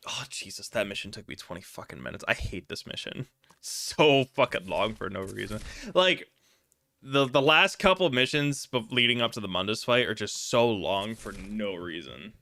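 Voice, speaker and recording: A man's voice: fairly low pitch, lively intonation, normal speed, vocal fry, pushed and bright. A man giving casual, rambling gameplay commentary as a streamer, answering chat questions with lots of fillers and swearing. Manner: rambling, chatty, many fillers and profanity. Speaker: gaming streamer.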